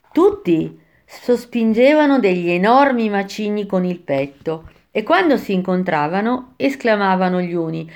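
A woman narrating a storybook retelling in an expressive, measured reading voice. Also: medium pitch.

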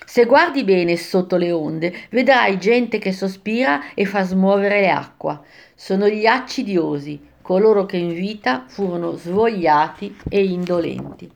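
A woman voicing a wise, stern male ghost who guides a traveller through a storybook underworld, speaking in a calm, authoritative way. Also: medium pitch, a little slow, creaky. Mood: solemn.

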